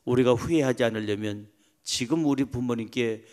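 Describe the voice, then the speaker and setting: A pastor preaching a sermon emphatically, moving between soft asides and loud exclamations. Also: male voice, mid-range voice, normal speed.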